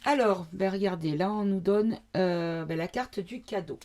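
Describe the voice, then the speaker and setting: A woman's voice: mid-range voice, a little slow, mellow, faint music behind. A woman from the south of France doing a casual card reading to camera, thinking aloud with many fillers and asides. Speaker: card reader.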